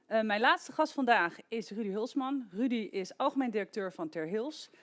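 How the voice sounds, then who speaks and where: A woman's voice: fairly high pitch, animated, normal speed. Polite woman moderating a session. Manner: brief, polite and businesslike. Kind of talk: formal introduction.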